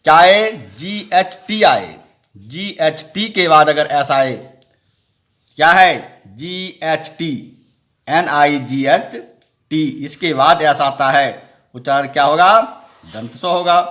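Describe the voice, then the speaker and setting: A man teaching English pronunciation rules, spelling out letters slowly and asking and answering his own questions. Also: fairly high pitch, fairly bright tone. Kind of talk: classroom-style lesson explaining rules.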